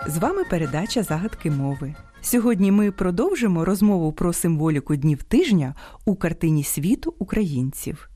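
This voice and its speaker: A woman hosting an educational radio program, reading a script in a measured, precise way. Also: on the low side, mellow, dry recording, studio quality. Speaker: radio host. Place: radio studio.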